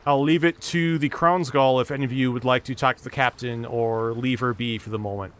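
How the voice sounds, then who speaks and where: A man narrating a tabletop game as dungeon master, in steady storytelling with small restarts. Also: mid-range voice, a little fast.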